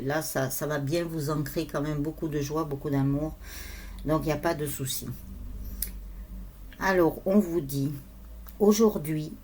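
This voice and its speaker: A woman's voice: low voice, darkish tone. A woman medium giving casual spiritual guidance, chatty and rambling with many fillers. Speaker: medium and energy healer.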